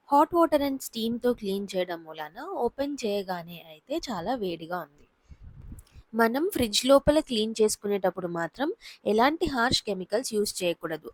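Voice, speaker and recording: A woman in her thirties, a home vlogger, calmly explaining household cleaning tips in a voice-over. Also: mid-range voice, dry recording. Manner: calm, explanatory. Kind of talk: instructional voice-over.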